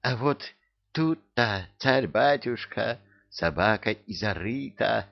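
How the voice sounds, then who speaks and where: A man's voice: mid-range voice, expressive, slow pace, gravelly, lo-fi sound, pitched above the performer's own voice. A man voicing a chirpy, sly little male creature who talks in a folksy, conspiratorial way. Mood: gleeful scheming.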